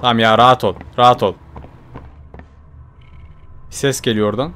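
A young man giving chatty horror game commentary, talking to his viewers, jumping from low mutters to startled shouts. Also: steady tone, moderate pace, clear, resonant tone. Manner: chatty, addresses viewers directly. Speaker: gaming YouTuber.

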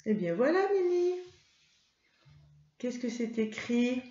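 A woman teaching a first-grade reading lesson, patient and encouraging, spelling out letters slowly for young pupils. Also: a little high, sing-song, warm tone. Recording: roomy, slightly dull home recording.

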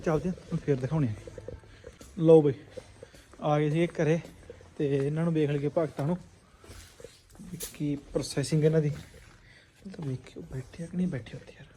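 A Punjabi man talks in a casual vlog style, addressing viewers like friends. His voice sits slightly high but has a soft, mellow tone. The noisy phone recording carries faint ambient sound. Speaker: vlogger.

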